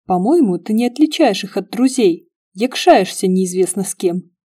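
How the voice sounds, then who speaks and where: Brief: a woman voicing a gruff, jealous young man, mellow low-key tone. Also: animated, normal speed, lightly acted.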